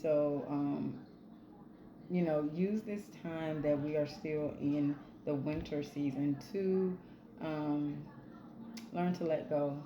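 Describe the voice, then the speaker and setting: Woman, low voice, chatty motivational talk, echoey room with background hum. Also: fairly even intonation, slow pace. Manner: conversational, frequent "right?" and "um". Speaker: self-help channel host. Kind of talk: casual motivational talk to camera.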